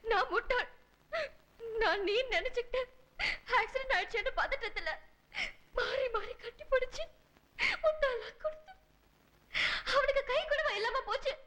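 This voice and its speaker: An actress playing a young wife, Priya, who pleads, scolds and sobs in an emotional film scene. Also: female voice, extremely high pitch, sharp tone, heavily acted. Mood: upset. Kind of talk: film dialogue.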